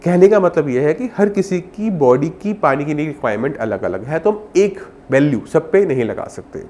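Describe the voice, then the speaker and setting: A man with a cold and sore throat plays a doctor giving health advice, addressing viewers directly and instructively with simple examples. His voice is a little high, warm and expressive at a moderate pace, with slight background noise.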